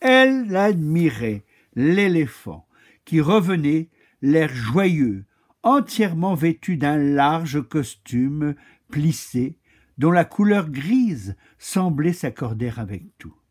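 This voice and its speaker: A man reading a children's story aloud in a slow, expressive way. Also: on the high side.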